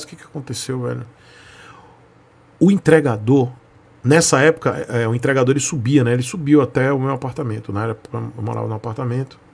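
A man's voice: medium pitch, gravelly, a little mellow. A man in his forties with a Brazilian Portuguese accent, hosting his channel and telling a story to camera in an emphatic, repetitive way that speaks straight to his viewers. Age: 40s. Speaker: channel host.

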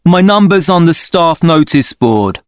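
A man's voice: a little high, very animated, measured pace, clean tone, no echo, studio quality. An actor playing an apologetic office salesman leaving a careful, polite phone message in a scripted exercise. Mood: polite, concerned. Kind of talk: scripted voicemail acting.

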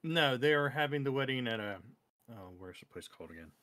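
A woman's voice: very deep voice, animated, fairly quick, fairly bright tone. A woman co-hosting a live stream, chatting in a laid-back way and trailing off while she hunts for words. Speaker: streamer co-host. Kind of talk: casual stream chat.

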